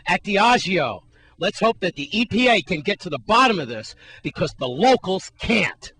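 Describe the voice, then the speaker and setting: High-voiced emphatic news reporter. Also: male voice, big pitch swings, moderate pace, pushed and bright, breathy edge, no room sound, low-quality recording. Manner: emphatic, repeats key words, asks viewers to remember. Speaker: field reporter. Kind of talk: local TV news field report.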